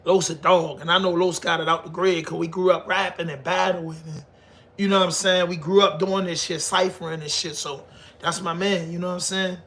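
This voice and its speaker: A man's voice: high-pitched, little pitch movement, brisk, a bit bright. A man with a Baltimore accent talking casually to viewers in slangy, profane, emphatic speech, often repeating his phrases. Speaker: online commentator on hip hop. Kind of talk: casual unscripted talk to viewers.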